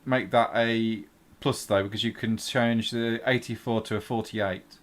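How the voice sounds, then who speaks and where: A man's voice: fairly low pitch, steady tone, measured pace. A man acting as game master, casually explaining rules and narrating a tabletop game.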